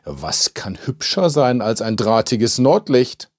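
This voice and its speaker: A man voicing a wiry, nosy village postman who blurts things out excitedly. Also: mid-range voice, slow pace. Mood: eager.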